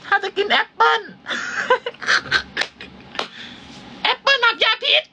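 A man voicing a cackling old witch who offers a poisoned apple, in a shrill cackling voice. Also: fast talker, creaky, background noise. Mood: sly, gloating.

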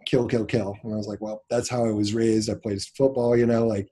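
A man's voice: fairly low pitch, a little fast, breathy edge. A man from Nebraska, a business owner, talking in a casual interview and telling a personal story, acting out the dialogue as he goes. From Nebraska, USA. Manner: animated storyteller, acts out quoted dialogue.

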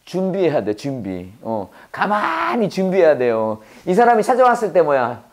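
Male English teacher with a native Korean tongue, animated delivery, drilling phrases with call-and-response. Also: high-pitched, normal speed. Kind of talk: Bible-based English lesson to a class.

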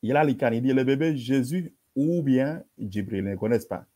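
A man's voice: mid-range voice, normal speed, dark tone. A man hosting a polemical commentary, reading out verses and rebutting them in an emphatic, repetitive way with dismissive asides.

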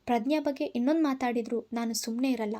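A woman's voice: fairly high pitch, fast talker, natural voice. A woman reading as a furious young man. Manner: shouting, commanding. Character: furious young man confronting his obsessive cousin.

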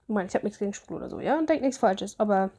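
Chatty woman with a mellow voice. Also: mid-range voice, expressive, rapid-fire, creaky, husky. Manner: chatty asides, reads game text aloud. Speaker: let's play host. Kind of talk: casual game commentary.

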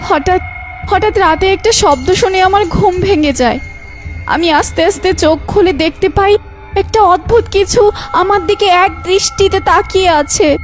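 Woman playing an anxious young wife, very high voice. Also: moderate pace, soft background music. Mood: frightened. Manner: anxious, pleading questions. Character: worried young wife of the narrator.

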